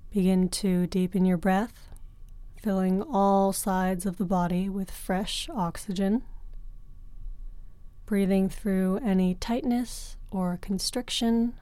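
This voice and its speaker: A woman guides a breathing meditation as a yoga teacher, talking very slowly and softly with long pauses between phrases. Her voice is mellow and smooth. The recording is close and dry, with no room sound. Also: mid-range voice, steady tone, no room sound. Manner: slow, soft and soothing, with long pauses.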